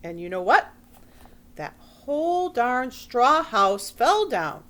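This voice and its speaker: A woman's voice: fairly high pitch, sing-song, slow, fairly bright tone, voice pushed up, exaggerated voice. A woman voicing a defensive, sly wolf who tells his side of a storybook tale in a folksy, conversational way. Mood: self-excusing. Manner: folksy, conversational, exaggerated self-justifying. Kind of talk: storybook read-aloud in character.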